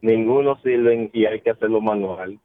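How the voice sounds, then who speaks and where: A man's voice: on the low side, moderate pace, no echo. Blunt male caller on the phone. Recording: phone line.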